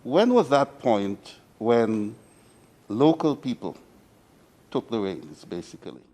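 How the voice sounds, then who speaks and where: A man, putting measured questions to a guest as an interviewer. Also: mid-range voice, big pitch swings, warm tone.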